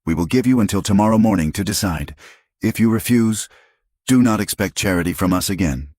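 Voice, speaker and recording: A man's voice: sits low, steady tone, very fast, darkish tone, dry recording, studio quality. A man voicing a stern, self-righteous middle-aged townswoman in a western audiobook, scolding and curt.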